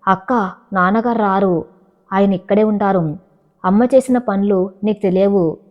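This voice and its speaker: A steady young husband who speaks gravely and firmly, as a woman narrator puts him on. Her middling pitch comes through a dull, lo-fi recording. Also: lightly acted. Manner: grave and measured. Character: calm grown son, firm husband.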